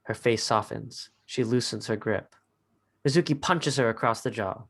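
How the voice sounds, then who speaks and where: Stage directions for a dramatic reading come from a male narrator reading a script at normal speed. His medium-pitched voice is creaky and fairly bright.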